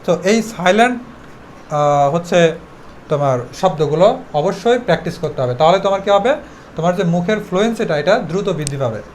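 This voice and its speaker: A man's voice: high voice, lively intonation, a little fast, darkish tone, slight background noise. A man with a Bengali accent teaching an English pronunciation class, explaining step by step and drilling words in repeated rounds. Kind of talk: spoken English lesson.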